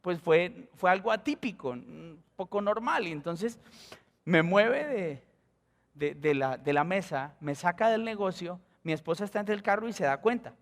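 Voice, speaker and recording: A Colombian man preaching a sermon as pastor, telling a story and acting out the dialogue, with sudden high exclamations. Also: animated, moderate pace. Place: church sanctuary. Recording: long church hall reverb.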